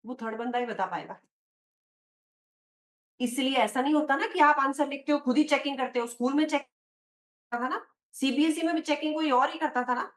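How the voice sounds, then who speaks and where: A woman teacher with an Indian accent, giving an exam prep lecture in a mix of Hindi and English, explaining slowly and quizzing her students. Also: high voice. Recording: echoey room.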